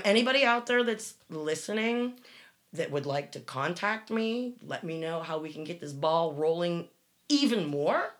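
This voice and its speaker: A woman's voice: mid-range voice, a bit bright. A woman hosting a casual true crime podcast, talking in an emphatic, rambling way. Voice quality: smoker's cough. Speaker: true crime show host.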